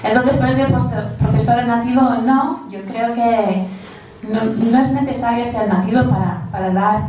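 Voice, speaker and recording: A woman's voice: on the high side, fairly even intonation, normal speed, warm tone. Echoey, distant woman with English-accented Spanish. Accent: English-speaking, non-native Spanish. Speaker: English teacher presenting at a conference. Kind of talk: informal conference presentation. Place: large echoey indoor room. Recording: very echoey room, distant mic, faint noise.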